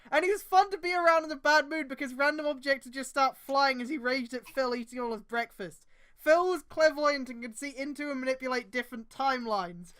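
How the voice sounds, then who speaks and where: A woman streamer with a high, fairly quick voice reads fan fiction aloud in a mocking, dramatic way. She adds casual, profane, exasperated asides, with outbursts that often break into laughter and shouting.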